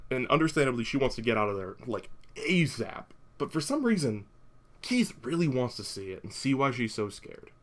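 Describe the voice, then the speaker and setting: A young man hosting a podcast, recapping a horror movie in a chatty way with wry asides and frequent fillers. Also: medium pitch. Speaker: podcast host.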